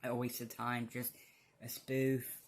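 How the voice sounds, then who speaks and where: This fan vlogger, a man, rambles haltingly through blunt, casual commentary on his opinions. The voice is mid-range and utterly flat.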